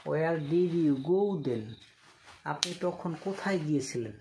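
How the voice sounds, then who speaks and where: A man's voice: a little high, lively intonation, slow, a little mellow, slight background noise. A man with a Bengali accent teaching English, saying each sentence word by word, then repeating and translating it. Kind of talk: slow dictation-style language lesson.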